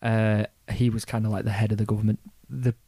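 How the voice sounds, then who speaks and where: A man's voice: fairly low pitch, flat delivery, a little fast, warm tone, husky, no echo. Rambling, sweary man. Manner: rambling, sweary storytelling with frequent restarts. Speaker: podcast guest explaining history. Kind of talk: casual chat.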